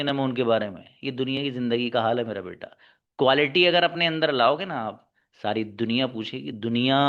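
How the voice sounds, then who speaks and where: A man's voice: mid-range voice, a bit bright. A male English teacher lecturing his class, scolding and exhorting his students to work hard. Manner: scolding, exhorting, calls students son and daughter. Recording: dull lo-fi recording.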